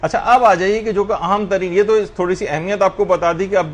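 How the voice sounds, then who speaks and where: A man's voice: high voice, steady tone. A man teaching a religious class, lecturing earnestly and addressing his students directly.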